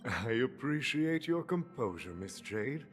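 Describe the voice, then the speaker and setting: A man voicing a shrewd, chuckling very old tycoon in a video game, with a theatrical, deliberate old man's delivery. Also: medium pitch, big pitch swings. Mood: veiled threat. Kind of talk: video game story acting. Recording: long reverb, music behind.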